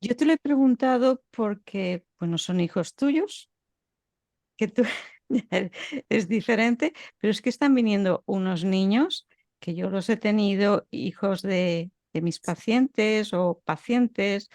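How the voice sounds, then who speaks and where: Woman host, slow delivery, dry close sound. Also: mid-range voice, a little mellow, no room sound. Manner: brief reactive interjections, reflective. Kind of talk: interview conversation.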